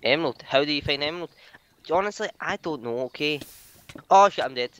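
A man giving casual gameplay commentary, excitable, teasing and swearing as he plays. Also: fairly high pitch, fairly quick, slight background noise. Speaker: gamer.

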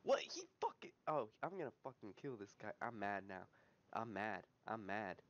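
A young man giving live gameplay commentary, swinging from low muttering to loud yelling, swearing and repeating words in bursts. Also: expressive, normal speed, highs cut off. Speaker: gaming YouTuber.

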